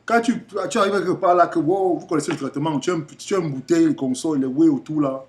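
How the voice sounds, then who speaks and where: A young Cameroonian man with a slightly high voice tells a story to his viewers. His Cameroonian French accent is clear. He talks in a loose, animated way and keeps repeating himself as he rambles. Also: fast talker, slight background noise. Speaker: vlogger.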